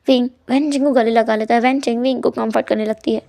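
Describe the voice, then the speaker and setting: A woman's voice: on the high side, steady tone, fast talker, creaky, dark tone. A woman storyteller narrating a fan-fiction story in a chatty, casual way, with fillers.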